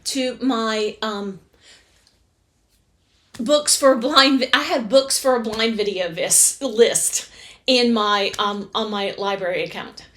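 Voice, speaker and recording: A woman's voice: a little high, takes it slowly, fairly bright tone. Chatty self-correcting woman book vlogger. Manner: chatty, rambling, corrects herself often. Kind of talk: casual chat to camera. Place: home reading room, indoors.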